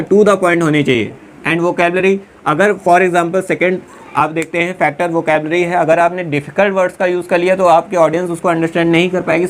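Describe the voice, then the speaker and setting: A man teaches a class, dictating points word by word and checking in with "है ना" after nearly every phrase. His lecture mixes explanation with slow dictation. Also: a little high, a little hiss or hum. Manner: dictates slowly word by word, asks "है ना" and "clear" often.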